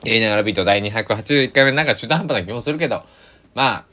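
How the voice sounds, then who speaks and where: Deep-voiced rambling man with lilt. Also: rapid-fire, sharp tone. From Kochi, Japan. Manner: rambling, self-correcting, chatty. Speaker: podcast host. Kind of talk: casual solo podcast talk.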